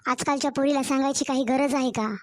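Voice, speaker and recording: A woman voicing a complaining, sharp-tongued mother-in-law in a cartoon story, with a Marathwada Marathi accent. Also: sits high, steady tone, fast, natural voice. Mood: scolding. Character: scolding nagging middle-aged mother-in-law.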